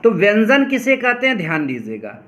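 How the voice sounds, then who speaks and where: A male teacher giving a lesson, repeating each definition slowly and calling on his students to pay attention. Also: high voice, wildly swooping pitch, fairly bright tone. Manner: addresses students directly, often says "pay attention". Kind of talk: classroom lesson explaining grammar.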